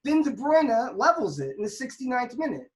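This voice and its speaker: High-voiced woman recapping a match. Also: moderate pace. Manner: animated play-by-play storytelling; frequent restarts and emphatic retelling. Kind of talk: casual soccer podcast chat.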